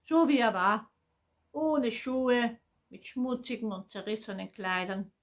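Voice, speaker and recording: A woman narrating a Bible story for children as a religious education storyteller, expressive and emphatic. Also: a little high, measured pace.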